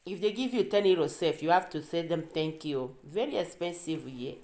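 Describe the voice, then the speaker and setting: A young woman with a Nigerian accent in a casual unboxing vlog, excitable and repeating herself as she shows off food items. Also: fairly low pitch, normal speed. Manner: excitable, repeats words, bursts of laughter. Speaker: vlogger. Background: faint crinkling of wrappers.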